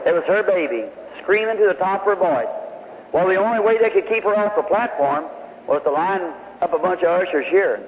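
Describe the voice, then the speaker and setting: A man's voice: high voice, expressive, fairly quick. A man preaching to a congregation, telling a healing story in a folksy, homespun way. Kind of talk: sermon testimony storytelling. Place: large hall before a congregation. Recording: tinny old hall recording with faint hiss.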